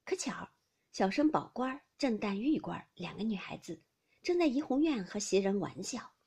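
A woman's voice: mid-range voice, moderate pace, gravelly, slightly rough. A woman narrating a classic novel audiobook expressively, often dropping to a whisper. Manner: expressive, with many whispered passages.

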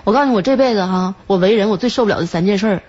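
A woman radio host with a Northeastern Chinese accent, telling a comic story in a chatty, self-mocking way and jumping in pitch to act out the people in it. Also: very fast, a little mellow. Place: radio studio. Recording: slightly dull radio broadcast.

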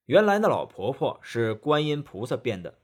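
A male storyteller narrates a children's tale with a lively, rising-and-falling voice. His tone is a little husky and breathy. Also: mid-range voice, moderate pace. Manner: expressive, animated telling.

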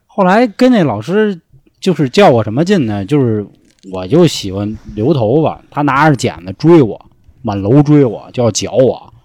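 A young man telling a story in a casual chat, swearing freely and acting out shouts from the story. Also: medium pitch, animated, normal speed, no echo. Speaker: storyteller guest.

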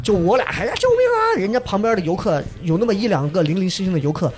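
A man telling a dramatic story in casual chat, acting out shouts and sounds. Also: sits high, quick pace. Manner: acts out shouts and quoted voices, imitates sounds. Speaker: storyteller guest.

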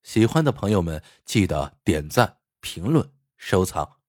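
Husky, lively male storyteller. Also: deep voice, unhurried, no echo, studio quality. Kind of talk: scripted folk tale narration.

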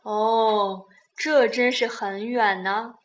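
A woman voicing a big, gentle grown-up rabbit, calm and fond, in a children's bedtime storybook reading. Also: on the high side, drawn-out words, highs cut off. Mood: tender.

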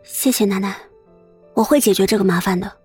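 A man's voice: sits high, brisk, darkish tone, breathy edge, no room sound, voice pushed up. A man voicing an earnest, worried young woman in a dry audiobook reading with faint music under it. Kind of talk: audiobook character voice.

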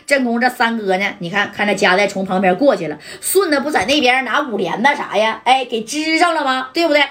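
Husky woman telling a story. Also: fairly high pitch, brisk. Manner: lively, colloquial, asks listeners questions. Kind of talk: storytelling gangster tale.

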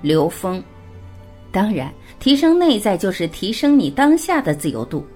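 A woman's voice: mid-range voice, sing-song, moderate pace, a little mellow, breathy edge, faint music behind. A woman reading a written interview aloud, voicing both sides and announcing each speaker's label.

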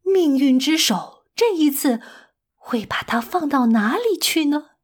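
Slow, high-voiced woman storyteller. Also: expressive. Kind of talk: children's story narration.

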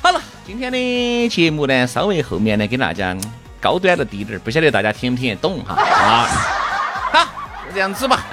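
A man co-hosting a casual chat show, telling wry stories and giving gentle advice. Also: mid-range voice, huge pitch swings, fairly quick, loud music behind the voice. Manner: wry storyteller, moralizing, laid-back. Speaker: podcast co-host.

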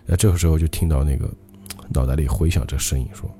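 A male podcast host telling a ghost story in a dramatic, lively way. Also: extremely low pitch, fast talker, faint music behind.

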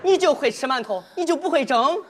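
A man's voice: extremely high pitch, lively intonation, fairly quick, very noisy. A man playing an eager, boastful young army cook, speaking in a with folksy, exaggerated exclamations in a stage comedy sketch. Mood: excited, scolding. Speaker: cook soldier.

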